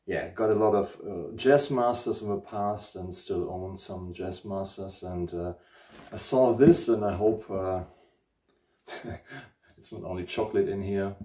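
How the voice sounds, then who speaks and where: Far from the camera mic, a deep, slightly mellow voice belongs to a German guitar channel host in his forties with a German accent. He's unboxing a guitar casually in his living room at home, hunting for words with many ums, and the room echoes.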